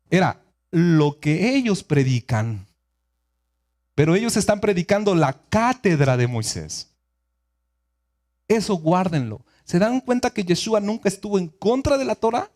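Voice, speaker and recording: High-voiced man teaching. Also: lively intonation, normal speed, pauses often, a little mellow. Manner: asks the audience frequent check-in questions; explains in a conversational, repetitive way. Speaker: teacher of a Torah study group. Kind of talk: sermon teaching.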